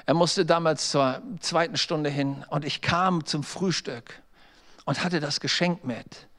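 A man's voice: a little high, steady tone, takes it slowly, a bit bright. A middle-aged man preaching a sermon as a pastor, telling stories, acting out quoted voices and speaking straight to his listeners. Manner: storytelling preacher, acts out quoted voices, direct address to listeners.

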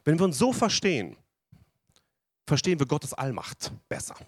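Animated male preacher, lively pitch. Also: moderate pace, slightly rough, no room sound, studio quality. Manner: animated, asks the congregation questions. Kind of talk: sermon. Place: church hall with audience.

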